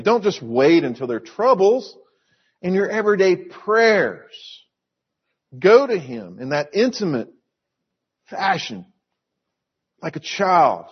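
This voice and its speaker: Middle-aged male pastor, earnest sermon delivery, unhurried, slightly husky voice, somewhat dull recording. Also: a little high. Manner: slow, earnest storytelling with emphatic repetition.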